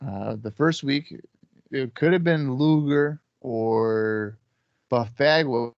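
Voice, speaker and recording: A man's voice: mid-range voice, takes it slowly, no room sound, highs cut off. Sleepy, laid-back man podcast host. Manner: relaxed, sleepy, offhand with swearing. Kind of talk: casual chat.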